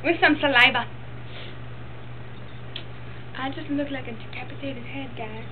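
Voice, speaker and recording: A woman's voice: high voice, steady tone, fairly quick. A young woman chatting casually and jokingly in a giggly manner on a noisy, tinny home video. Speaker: amateur video host. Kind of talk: casual chat.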